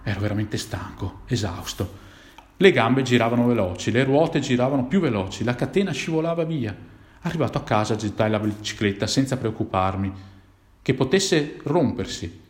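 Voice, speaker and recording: A man tells a story from his own past, his voice swinging widely in pitch as he builds the tension. His voice carries a noticeable roomy echo. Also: moderate pace. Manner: dramatic, animated telling with rises for tense moments. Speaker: narrator. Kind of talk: first-person storytelling of a childhood memory.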